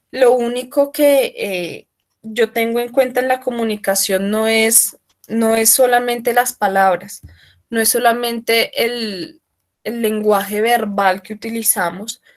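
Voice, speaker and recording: A woman giving an online workshop, explaining loudly and often checking in with her listeners. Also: a little high, steady tone, slow. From Colombia. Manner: explanatory, asks frequent check-in questions; speaking loudly for remote listeners. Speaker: workshop trainer. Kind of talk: online training talk.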